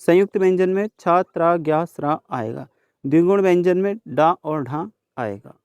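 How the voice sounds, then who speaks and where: A male teacher solving a worksheet for students, sounding out each letter slowly and speaking to the class directly. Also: on the high side, a little mellow, clean tone, no room sound, lo-fi sound. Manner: slow, deliberate sounding out of letters. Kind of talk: worksheet solution lesson.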